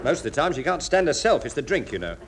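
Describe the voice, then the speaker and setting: A male radio comedian with a fairly high, very animated voice delivers scripted banter. The recording is very noisy, with a loud audience behind him. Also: fast, a loud crowd. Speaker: comedy radio show performer.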